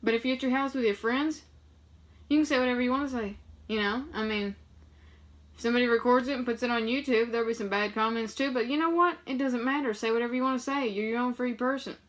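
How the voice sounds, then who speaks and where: A young woman with a slightly high voice, chatting loosely to her audience. She swears freely and keeps circling back with fillers as she tells stories in a relaxed, rambling way. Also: fast talker. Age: young adult. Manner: loose, profane storytelling with many fillers. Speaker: vlogger. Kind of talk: casual rambling monologue.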